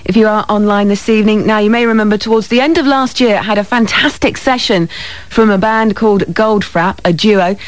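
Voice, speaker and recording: A woman's voice: mid-range voice, fairly quick, no room sound. A British woman presents a music radio show in an informal, conversational way. She talks directly to listeners with little tag questions. The sound is close and dry, recorded in a radio studio. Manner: informal, often adds tag questions like "okay?" and "isn't it?". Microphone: close studio microphone.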